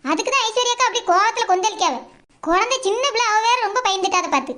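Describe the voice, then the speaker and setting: A woman with a southern Tamil Nadu dialect voicing a village neighbour in a cartoon, chattering quickly. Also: extremely high pitch, animated, bright, forceful tone, exaggerated voice. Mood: reasoning. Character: calm neighbour woman, peacemaker.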